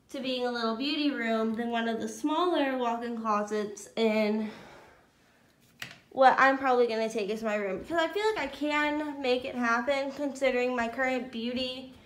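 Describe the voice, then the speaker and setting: A woman in her twenties casually touring her empty new apartment on a handheld phone, chatty and upbeat. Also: fairly high pitch. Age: 20s. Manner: chatty, upbeat, says "cute little" a lot. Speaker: vlogger. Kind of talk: casual house-tour vlog. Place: empty apartment with bare walls. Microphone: handheld phone camera. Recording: echoey empty rooms, faint room hiss.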